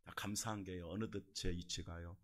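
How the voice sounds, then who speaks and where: A man's voice: sits low, steady tone, normal speed. A male pastor preaching a sermon in a church, emphatic and repetitive, often putting questions straight to his congregation. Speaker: senior pastor. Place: church sanctuary.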